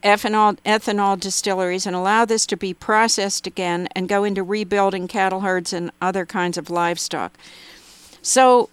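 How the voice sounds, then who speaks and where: A woman's voice: medium pitch, steady tone, normal speed, smooth, no room sound. A woman speaking as a guest in a radio interview, giving long run-on answers with emphatic asides. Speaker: interview guest, policy commentator.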